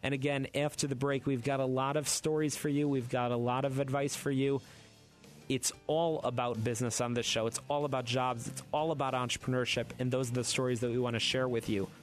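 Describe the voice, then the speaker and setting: Man hosting a lively radio talk show. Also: medium pitch, fairly quick, soft background music. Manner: lively storyteller acting out quotes.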